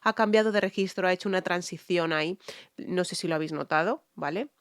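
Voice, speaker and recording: A woman's voice: fairly low pitch, fast talker, dry recording. Enthusiastic woman. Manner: enthusiastic, repeats phrases for emphasis; hums and sings short phrases along with the song. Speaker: singer reacting to a music video. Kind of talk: casual reaction commentary on a singer's technique.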